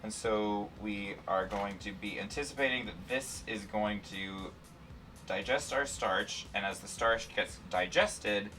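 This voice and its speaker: Male science presenter, bright and forceful, slightly low, casual and playful, faint music behind. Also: measured pace, far from the mic. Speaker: science show host and demonstrator. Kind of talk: casual, playful lesson explaining an experiment.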